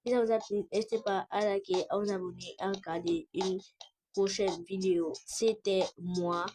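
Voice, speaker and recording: A woman playing a young woman filming a home vlog in secret, in an amateur web drama, with a halting delivery full of restarts. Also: medium pitch, fairly even intonation, a little mellow, a little hiss or hum, lightly acted. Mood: chirpy. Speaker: vlogger.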